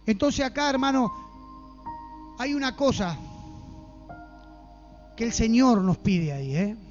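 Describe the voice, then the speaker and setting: High-voiced Argentine man preaching. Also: sing-song, slow, lo-fi sound, faint music behind. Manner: fervent, asks the congregation rhetorical questions. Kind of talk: sermon. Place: church.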